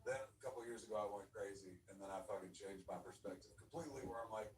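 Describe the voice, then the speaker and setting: A man's voice: lowish voice, fast talker. Middle-aged man, casual swearing raconteur, rambling podcast delivery; distant mic in a roomy space. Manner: profane, loose storytelling full of fillers. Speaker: podcast storyteller recounting a convention. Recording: roomy distant sound with faint noise.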